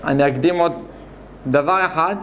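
A man teaching a Hebrew grammar lesson, explaining slowly and repeating points while asking his students questions. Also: on the high side, a bit bright, a little hiss or hum. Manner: slow, repetitive explaining with questions to the class. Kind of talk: classroom lesson.

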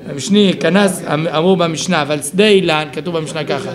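A man's voice: fairly high pitch, a crowd in the background. A man teaching a Talmud study class, explaining the text aloud and thinking it through with self-corrections.

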